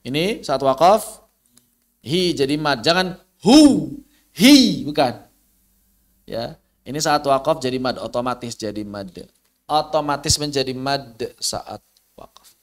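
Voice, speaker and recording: A man's voice: medium pitch, expressive, slow, pauses often. A man with an Indonesian accent teaching tajwid online, patiently demonstrating how letter sounds are pronounced.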